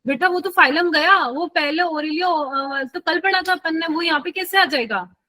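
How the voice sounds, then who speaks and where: A woman's voice: very high voice, normal speed, bright, forceful tone, no echo, rough recording. A woman teaching a live online biology class in a chatty way, often checking that students follow.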